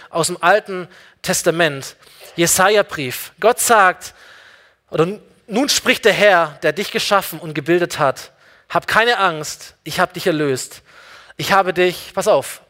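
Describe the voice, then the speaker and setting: A man with a fairly high voice preaching an Easter sermon. He speaks directly to his listeners and swings from loud, urgent lines to hushed, drawn-out ones. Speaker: pastor.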